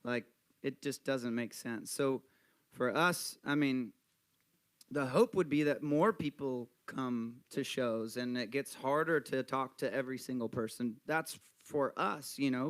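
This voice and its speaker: A male band member answering interview questions in a relaxed, rambling way with many fillers. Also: medium pitch, unhurried. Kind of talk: casual interview chat.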